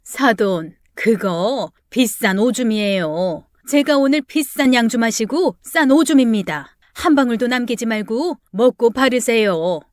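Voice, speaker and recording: A woman voicing a stern, wealthy older mother-in-law who speaks slowly and coldly. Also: fairly high pitch, expressive, no echo, clean studio sound. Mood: icy. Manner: slow, deliberate, icy delivery.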